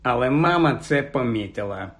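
A man's voice: medium pitch, animated, normal speed, natural voice. A man voicing a wry teenage boy who jokes dryly. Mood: sarcastic. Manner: dry, sarcastic.

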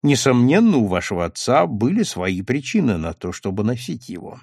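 Man reading male doctor, calm, precise, gravelly, dry close sound. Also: medium pitch, no echo. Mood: explaining. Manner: measured explanatory reading.

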